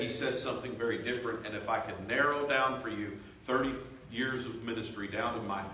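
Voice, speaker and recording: A man's voice: lowish voice, sharp tone, a little hiss or hum. A middle-aged man preaching to a congregation in a large church sanctuary. His voice is earnest and rises in intensity as he speaks to the people. The sound is very echoey and picked up from a distance. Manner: earnest, builds in intensity when addressing the congregation. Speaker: revival preacher. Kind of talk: sermon.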